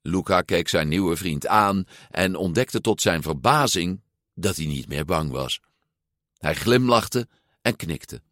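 A man reading a storybook aloud as narrator, expressive and unhurried. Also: low-pitched, no echo, clean studio sound.

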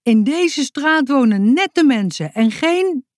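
A woman voicing an angry neighbor woman with a shrill voice in a children's storybook reading. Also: expressive, slow, darkish tone, no room sound, studio quality.

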